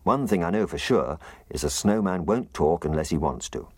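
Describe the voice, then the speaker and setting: A man doing a gently teasing dad. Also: low-pitched, normal speed, no echo, voice pushed up. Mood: patient. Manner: patient, teasing. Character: patient gentle father, playful.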